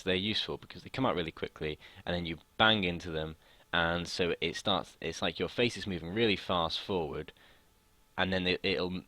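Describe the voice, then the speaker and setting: Tutoring physics in an easygoing way, a young British student speaks low, with a bright, pushed quality and a faint croak from hours of talking. He keeps pausing and beginning his sentences again, and there's no echo on the audio.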